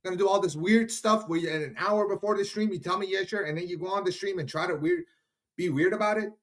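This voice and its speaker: A man's voice: high-pitched, lively intonation, quick pace, fairly bright tone. A man from Iran ranting angrily to his viewers on a live stream, swearing often and talking straight to them. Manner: angry, profane, addresses viewers directly. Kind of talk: heated live-stream rant.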